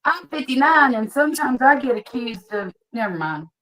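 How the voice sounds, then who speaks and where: High-voiced woman host in her fifties. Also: very animated, normal speed, a crowd in the background. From US Gulf Coast. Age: 50s. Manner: chatty storyteller, acts out quoted voices. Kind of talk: casual chat.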